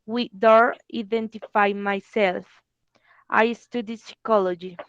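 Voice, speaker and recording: A Colombian woman in her twenties, a native Spanish speaker, giving a careful, halting self-introduction in learner English for class. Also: medium pitch, fairly even intonation, smooth, no echo, dull audio. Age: 20s. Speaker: psychology student. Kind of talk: slow read English class presentation.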